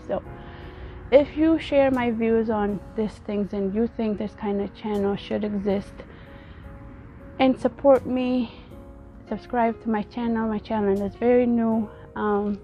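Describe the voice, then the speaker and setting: A woman from Ethiopia, vlogging outdoors in an earnest, halting way and often repeating her words. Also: medium pitch, highs cut off, faint music behind. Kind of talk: casual personal vlog talk.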